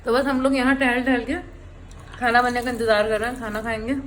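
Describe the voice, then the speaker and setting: A woman's voice: on the high side, steady tone, a little fast, a bit bright, a little hiss or hum, poor audio. A woman in her thirties, a mother, chatting casually to the camera about her day. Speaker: vlogger, mother. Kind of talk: casual home vlog chat.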